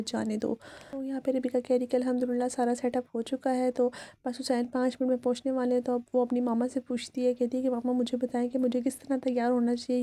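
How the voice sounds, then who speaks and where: A woman's voice: on the high side, warm tone, no room sound. Chatty woman recapping a vlog. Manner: chatty retelling with quoted dialogue. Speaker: fan channel narrator recapping a vlog. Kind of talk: casual recap narration of a vlog.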